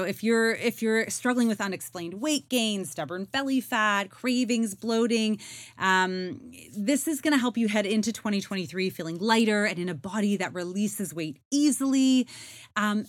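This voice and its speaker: A woman's voice: medium pitch, moderate pace, dry recording, studio quality. A woman in her forties hosting a podcast, chatting casually with lots of fillers while recording inside a closet. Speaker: podcast host. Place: inside a small clothes closet.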